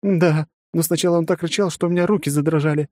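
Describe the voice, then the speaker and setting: A man voicing a nervous, polite young woman in a hesitant, gentle way. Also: on the high side, steady tone, fast, dry recording, clean studio sound, voice pushed up, lightly acted.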